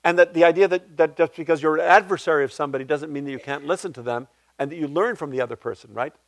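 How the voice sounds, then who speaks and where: Speaking fast, a man who writes plays responds to audience questions at a public talk as the guest speaker. He is reflective, restarts often and swings his pitch animatedly, with no room sound audible.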